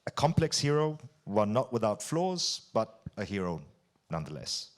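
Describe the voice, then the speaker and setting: A man hosting an interview, putting prepared questions in articulate, deliberate phrases. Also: fairly low pitch, big pitch swings. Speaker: interviewer hosting an on-stage conversation.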